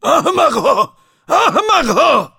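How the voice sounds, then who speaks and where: Cranky old donkey for a storybook, high, swooping and gravelly, dry sound. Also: male voice, animated, fairly bright tone, dry recording. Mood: frantic. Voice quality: creaky, strained cries. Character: old grumpy male donkey, bitter and alarmed. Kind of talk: audiobook character voice.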